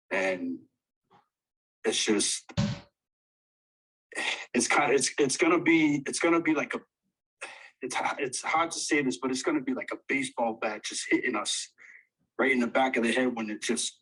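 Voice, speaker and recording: A man talking into a phone, out of breath, halting with many fillers and restarts, earnest and eager. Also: mid-range voice, fairly bright tone, slightly rough, poor audio. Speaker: audience speaker. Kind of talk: casual chat on an audio call.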